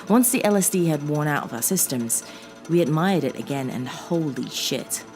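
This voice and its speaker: A woman's voice: sits low, a little mellow. A young woman playing an introverted, obsessive female artist, narrating a first-person horror story in a conversational, confessional way over music. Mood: awed, intense. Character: introverted, obsessive 23-year-old female freelance artist confiding her story.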